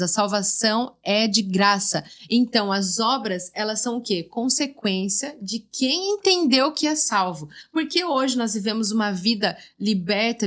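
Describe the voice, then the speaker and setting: Earnest woman, fairly high voice, preaching devotional talk with repeated emphatic lines. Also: fairly bright tone. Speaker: podcast host. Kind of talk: devotional teaching.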